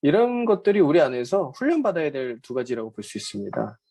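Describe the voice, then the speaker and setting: A man's voice: on the high side, sing-song, fast, dark tone, breathy edge. A man teaching a Bible overview lecture in a conversational way, with frequent hesitant fillers. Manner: conversational, often acts out quoted speech.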